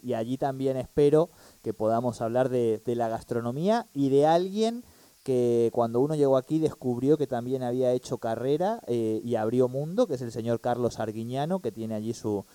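A man's voice: medium pitch, warm tone, clean tone, no room sound. A man hosting a radio talk, agreeable and chatty, often saying "claro". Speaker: radio host. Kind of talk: radio conversation.

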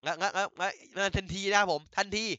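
A man excitedly retelling an anime episode in casual chat, laughing often and using crude slang. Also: sits high, quick pace, smooth, dry recording. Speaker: anime recap host.

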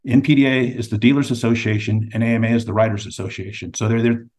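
A man's voice: mid-range voice, fairly even intonation, fast talker, darkish tone. Man telling anecdotes as an interview guest. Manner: anecdotal storyteller. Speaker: magazine editor, guest. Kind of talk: casual interview.

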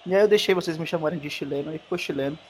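A man's voice: a little high, very fast, background noise. A man with a Brazilian accent, a guest on a casual podcast, telling a story in a rambling way and tripping over his words. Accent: Brazilian Portuguese.

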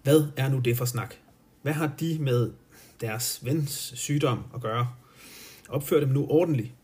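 A man's voice: medium pitch, warm tone, breathy edge. A man reading aloud and voicing a proud, imperious upper-class woman in a raised, haughty voice.

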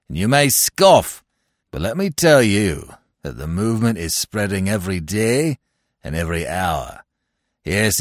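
A man voicing a spiteful male street orator with a loud, declamatory delivery. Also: fairly high pitch, dry recording, clean studio sound.

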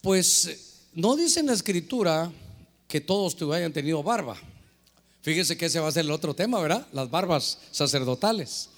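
A man preaching as pastor, animated and preachy, acting out prayers and dialogues as he answers questions. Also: a little high, normal speed, in a large hall. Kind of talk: lively sermon with questions from listeners.

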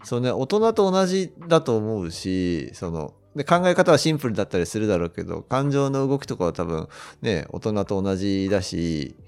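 A man with a fairly low voice and a lively, animated pitch chats casually as a podcast co-host. He listens attentively and slows down to muse aloud when he reflects. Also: clear, resonant tone. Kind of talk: casual chat.

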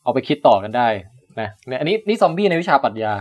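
A man's voice: medium pitch, very animated, quick pace. A man hosting a casual science podcast, explaining at length and laughing often. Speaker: podcast host, biologist.

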